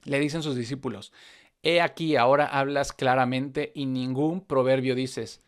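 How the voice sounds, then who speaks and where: A man's voice: medium pitch, fairly even intonation, moderate pace, clear, resonant tone. Man reading and explaining scripture. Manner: reads scripture aloud, then explains it conversationally. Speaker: Bible teacher. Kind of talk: Bible reading and commentary.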